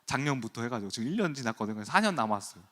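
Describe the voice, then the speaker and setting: A pastor in his thirties tells a lively story in an early-morning sermon, his voice bright and clear. His pitch jumps up and down as he acts out the scenes, and he pokes fun at himself. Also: racing. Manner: animated, self-deprecating storytelling.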